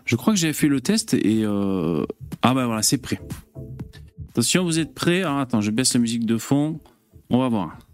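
A male live-stream host who talks casually to his chat audience. His pitch is mid-range, and he rambles with many pauses and fillers and swears freely. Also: big pitch swings, faint music behind. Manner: chatty, hesitant, full of fillers and swearing.

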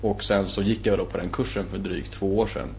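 Animated man telling a story, lo-fi. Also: deep voice. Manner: animated, acts out his own past reactions. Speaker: podcast guest. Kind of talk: casual storytelling. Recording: muffled lo-fi with faint hum.

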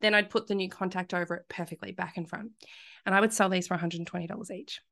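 A woman's voice: fairly low pitch, fairly even intonation, quick pace, vocal fry, a bit bright. A woman telling a story in a casual podcast chat, laughing often. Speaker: podcast guest.

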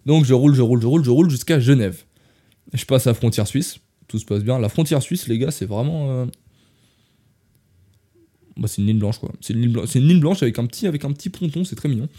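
Speaking fairly quickly in a warm, medium-pitched voice, a young Frenchman shares travel stories on a relaxed podcast. He meanders, restarts and corrects himself frequently, and addresses listeners directly as "les gars".

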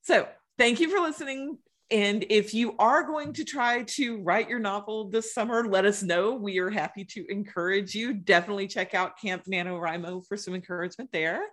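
A woman co-hosting a podcast, giving an upbeat, brisk sign-off. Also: mid-range voice, a bit bright. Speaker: podcast co-host. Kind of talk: podcast outro.

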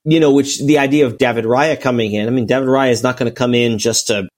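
A man talks casually on a podcast at an ordinary middle pitch. He rambles in long chains of thought, restarting sentences and leaning on filler words. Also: steady tone, fast talker. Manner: rambling, full of restarts and "you know". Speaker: podcast co-host. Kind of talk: casual chat.

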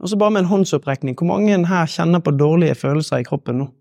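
A man giving a live motivational talk to an audience, leading a guided exercise with slow, measured pauses. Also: a little high, lively intonation, creaky, a little mellow, no echo. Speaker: motivational speaker.

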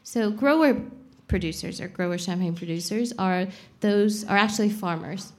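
A woman's voice: mid-range voice, moderate pace, darkish tone. A young adult woman, a champagne expert guest on a live podcast, explaining frankly and casually, swearing now and then. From Saudi Arabia.

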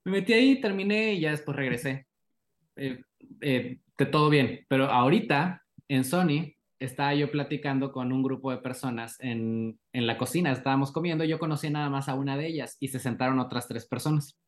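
A man with a Mexican accent, a guest on a podcast, telling lively anecdotes and acting out the dialogue in them. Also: mid-range voice, normal speed. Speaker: animator guest. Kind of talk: casual podcast interview.

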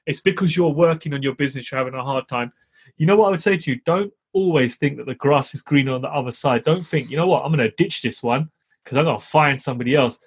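A man's voice: medium pitch, fast, slightly rough. A middle-aged man chatting casually as a podcast co-host, blunt and emphatic, with slangy tags and swearing. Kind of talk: casual chat with slangy advice to listeners.

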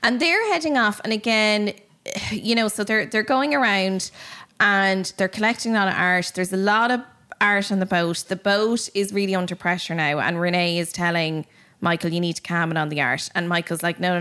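A woman's voice: medium pitch, moderate pace. Chatty woman telling a story. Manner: animated, chatty, lots of fillers. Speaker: podcast host. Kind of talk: casual storytelling chat.

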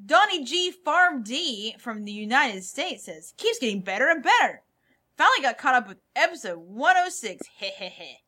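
Brief: podcast co-host, lively swooping voice, playful read. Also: female voice, high voice, normal speed. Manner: playful, laughing. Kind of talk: casual podcast chat, reading listener reviews.

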